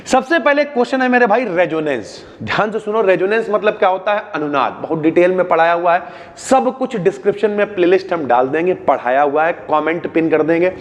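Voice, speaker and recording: A young man with a North Indian Hindi accent gives a casual exam revision lesson, calling students brother and using homely examples. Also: in a large hall. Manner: chatty, addresses students as bhaiya, homely examples, drops pitch on asides. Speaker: exam-prep teacher.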